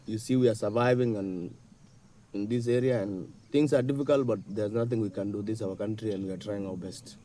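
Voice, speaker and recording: A man's voice: on the low side, fairly even intonation, fairly quick, dark tone, a little hiss or hum. A young man from Sudan, a fisherman speaking earnestly and plainly about his work outdoors at a riverside fishing camp. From South Sudan. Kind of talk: interview on camera.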